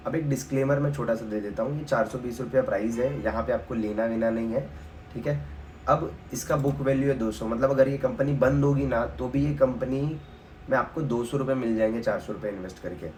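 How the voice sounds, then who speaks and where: A man's voice: mid-range voice, fairly even intonation, brisk, darkish tone, slight background noise. A man with an Indian accent walking through a stock analysis on screen, talking casually and checking in with his viewers again and again. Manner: casual, explanatory, repeats filler tag often. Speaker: stock market educator.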